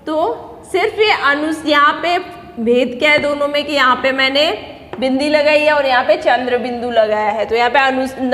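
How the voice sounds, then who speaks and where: A woman's voice: high voice, fairly bright tone. A woman teacher giving a grammar lesson to children, explaining step by step and answering her own questions. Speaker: school teacher. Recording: echoey room with long reverb.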